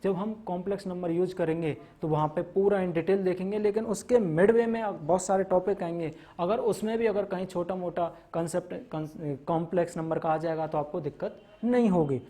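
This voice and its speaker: A man with a high, dark-toned voice lectures on maths in a classroom, talking briskly with hardly any pauses. He goes through topics step by step, listing them, mixing in English terms and checking in with students often with "theek hai na."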